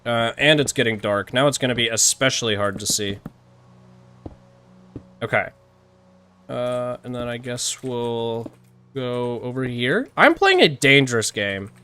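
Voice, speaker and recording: A man's voice: mid-range voice, flat delivery, a little slow, long pauses, sharp tone, slight background noise. A man live-streaming a game, rambling and chatting with viewers, often laughing and tripping over his words. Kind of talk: live-streamed gameplay chat.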